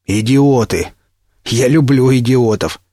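A man voicing a menacing mercenary stalker with a slow, taunting drawl in an audiobook reading. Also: mid-range voice, warm tone, no room sound, studio quality. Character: menacing male mercenary stalker, sneering and cruel.

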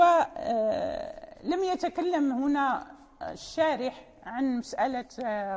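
A woman teaching a lesson on Quran recitation, explaining patiently, rephrasing often and pausing with fillers. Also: high voice, a little mellow. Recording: long hall reverb.

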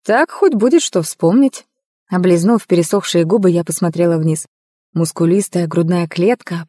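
A woman reading a first-person romantic fantasy audiobook in an expressive storytelling manner. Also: on the low side, dry recording, studio quality. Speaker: audiobook narrator.

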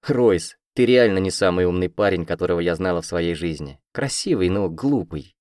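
A man voicing a feisty young woman student with a sharp, mocking tongue, in an audiobook. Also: low-pitched, animated, moderate pace, dry recording, studio quality. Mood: defiant, mocking. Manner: mocking, combative.

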